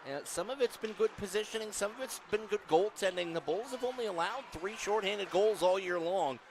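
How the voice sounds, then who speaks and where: Hockey color commentator, arena noise. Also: male voice, high-pitched. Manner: measured, explanatory analysis between plays.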